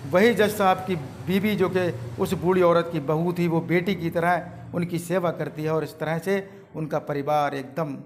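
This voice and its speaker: A man's voice: fairly high pitch, slight background noise. A man narrating a moral story with earnest, emphatic repetition.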